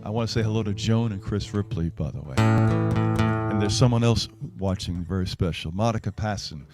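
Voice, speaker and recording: Between songs at a live show, an American singer-songwriter chats casually, rambling in a halting, self-deprecating way. His voice is fairly low, with a long reverb tail and loud music underneath.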